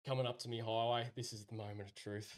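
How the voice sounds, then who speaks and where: A man's voice: medium pitch, flat delivery, a little fast. A man with an Australian accent telling an anecdote casually as a podcast guest, in a laid-back larrikin way with rural slang and frequent chuckles.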